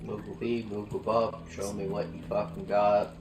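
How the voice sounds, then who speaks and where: A man commentating on a game casually, with animated outbursts. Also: fairly low pitch, normal speed. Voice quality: animated, loud bursts. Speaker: let's play co-host. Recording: echoey room with game music.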